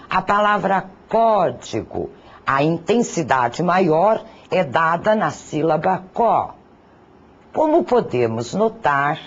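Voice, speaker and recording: Slow, breathy teacher on a dull recording. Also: mid-range voice. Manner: slow, deliberate, spells out syllables and lists examples. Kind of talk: recorded grammar lesson narration.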